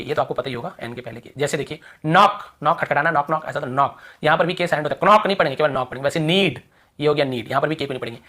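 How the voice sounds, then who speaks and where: A man's voice: a little high, a bit bright. A man teaching a lesson, repeating rules and example words over and over. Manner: repetitive, drilling examples aloud. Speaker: English teacher. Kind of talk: classroom lesson explaining rules.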